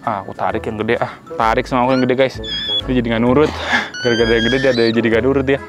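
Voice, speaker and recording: A man chatting excitably to viewers while handling and feeding a pet, talking outdoors. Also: medium pitch, quick pace, loud music behind the voice. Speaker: animal vlogger. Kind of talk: casual vlog chatter.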